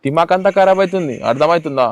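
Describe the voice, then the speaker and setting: Fast, insistent young man. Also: a little high, no echo, lo-fi sound. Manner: pleading and insistent, repeats himself. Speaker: lead actor in a web drama. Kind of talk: acted love-drama dialogue.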